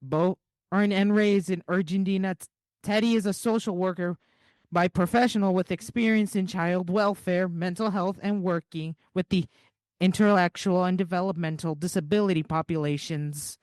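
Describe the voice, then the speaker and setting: A man's voice: high-pitched, steady tone, normal speed, a little mellow, no echo. A man introducing the keynote speaker at a forum, in a formal, welcoming way. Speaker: event co-host.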